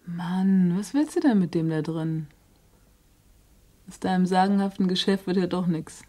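In a radio play, an actress portrays a hard-edged, streetwise woman who coaxes bluntly in slang. Her low-leaning, mellow voice moves slowly and sometimes drops to a whisper.

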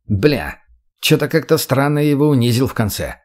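A man's voice: mid-range voice, big pitch swings, fairly quick, darkish tone. Man doing a foul-mouthed dim-witted brawler. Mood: crude. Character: crude slow-witted male fighter, swaggering.

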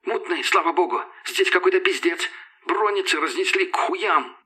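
A man's voice: sits high, moderate pace, pushed and bright, slightly rough, pitched above the performer's own voice, full character voice. A man voicing a panicked, foul-mouthed male slaver boss speaking over a radio. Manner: terrified, gasping, foul-mouthed. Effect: radio transmission.

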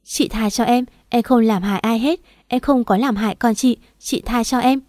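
A woman's voice: fairly high pitch, normal speed, a little mellow, dry recording, studio quality, close to an everyday voice. A woman voicing a meek, timid young wife who speaks humbly and pleads, in a read-aloud story. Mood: pleading.

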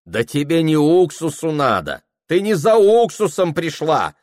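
A man's voice: on the high side, lively intonation, measured pace, a little mellow, dry recording, studio quality, pitched above the performer's own voice. A man voicing a grumbling older village cook who scolds in a folksy, sighing way. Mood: folksy scolding.

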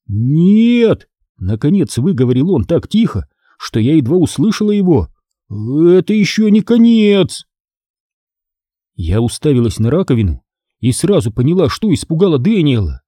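A man narrates an audiobook in a very dark, husky voice. His pitch moves in lively swings as he tells the story. The sound is close and dry, with no room around it. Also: a little fast, no echo. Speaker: audiobook reader. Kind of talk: scripted narration.

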